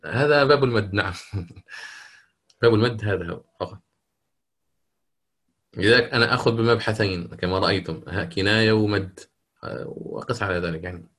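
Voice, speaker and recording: A man's voice: on the low side, normal speed, long pauses, fairly bright tone. Man teaching Quran recitation rules. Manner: explanatory, often asks "okay?" and corrects himself. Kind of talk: online lesson with students.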